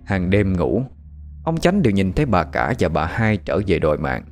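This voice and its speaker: A man narrating a horror story with a dramatic, animated delivery. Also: low voice, normal speed. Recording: faint background music.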